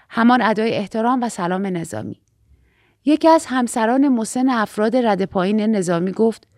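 A woman reading a first-person novel aloud as an audiobook narrator, in a measured, steady storytelling manner. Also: fairly high pitch, dry recording, studio quality.

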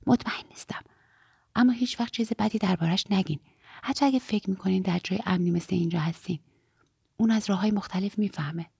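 An earnest, eager teenage girl, voiced by a woman reading a storybook aloud, confiding in a friend. The voice carries a gravelly, husky edge, and the sound is dry and close. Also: medium pitch, mellow, no echo. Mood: whispering. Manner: eager, confiding, drops to a whisper when fearful.

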